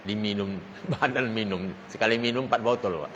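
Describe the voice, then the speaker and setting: A man's voice: on the low side, fairly quick, a bit bright, muffled recording, slight background noise. A man talking casually and chattily to a gathered audience, laughing easily.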